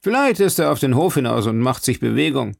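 A brisk, matter-of-fact prison guard giving directions, as a male narrator puts him on. The voice has a gravelly edge and sits in a dry, close sound. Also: medium pitch, very animated, no echo, pitched above the performer's own voice, exaggerated voice. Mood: helpful.

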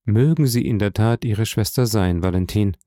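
A man reading aloud plays a grave older nobleman who speaks in a solemn, measured way. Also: lowish voice, mellow, no echo, clean studio sound, natural voice.

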